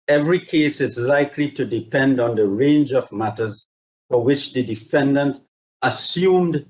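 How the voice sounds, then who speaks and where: Over a video call with poor audio, a man with a medium-pitched, slightly mellow voice makes a formal legal submission as a barrister. He is measured and courteous, reading carefully from judgments over the video link.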